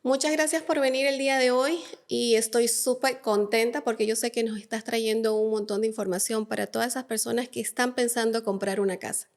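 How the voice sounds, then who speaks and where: A woman's voice: on the high side, fairly even intonation, brisk, hardly any pauses. A woman hosting a podcast, interviewing a guest in a friendly, chatty way. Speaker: podcast host. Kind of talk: casual interview.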